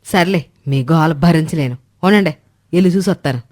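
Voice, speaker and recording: Brief: weary scolding mother-in-law, played by a woman, cautious and hushed, storybook. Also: low-pitched, normal speed, a little hiss or hum, close to an everyday voice. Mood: exasperated. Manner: tired nagging, hushed and cautious. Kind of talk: animated storybook voice acting.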